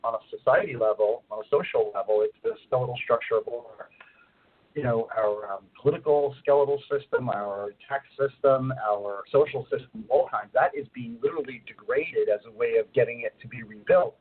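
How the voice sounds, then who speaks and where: Calling in to co-host a radio show, a middle-aged astrologer talks fairly quickly in a medium-pitched, slightly rough voice. The tinny phone line makes him sound muffled and far off, as though speaking down a long tube, while he rambles through explanations packed with fillers.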